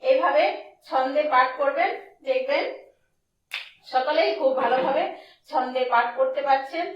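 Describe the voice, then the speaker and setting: High-pitched woman, unhurried recitation lesson, spells out syllables, lo-fi muffled sound. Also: slight background noise. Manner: slow, syllable-by-syllable explanation. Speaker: Gita recitation teacher. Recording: echoey, distant, dull lo-fi.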